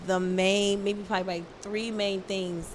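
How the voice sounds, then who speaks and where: Speaking unhurriedly in a flat, mid-range voice, a female talk show host runs a casual interview, rambling with many fillers and restarts and laughing frequently. A little hiss or hum can be heard.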